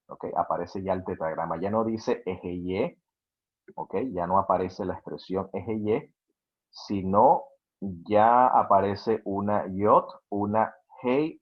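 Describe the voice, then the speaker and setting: Man, lecturer, low husky voice, slow hesitant delivery, frequent check-in asides, dull lo-fi recording. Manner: hesitant, with many "eh" fillers and restarts; spells out Hebrew words syllable by syllable. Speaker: lecturer on Hebrew philology. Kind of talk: slide-based lecture.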